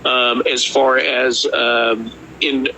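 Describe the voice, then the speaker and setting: Bright-voiced man, casual interview guest. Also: medium pitch, level tone, extremely slow, a little hiss or hum, poor audio. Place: kitchen.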